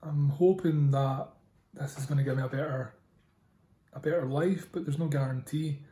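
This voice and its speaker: A man's voice: a little high, steady tone, moderate pace, warm tone. A man with a strong, broad Scottish accent, talking casually in a personal video diary and taking care to be understood. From Scotland. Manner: speaking carefully to be understood. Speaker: vlogger.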